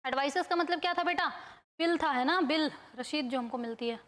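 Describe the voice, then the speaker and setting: A woman with a Hindi accent teaching an English grammar lesson, drilling word lists and quizzing her students in a brisk, coaxing way. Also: high voice, a bit bright, big-room sound. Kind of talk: classroom-style grammar lesson. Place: coaching institute in India.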